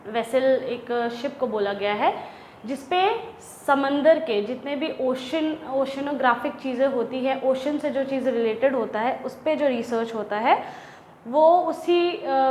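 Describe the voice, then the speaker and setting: A woman's voice: sits high, a little mellow. Hindi-speaking woman teaching a class, echoey room. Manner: slow, deliberate reading of English lines, then explaining in Hindi. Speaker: English teacher. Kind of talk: classroom lesson explaining a textbook chapter. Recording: echoey room with faint ambient noise.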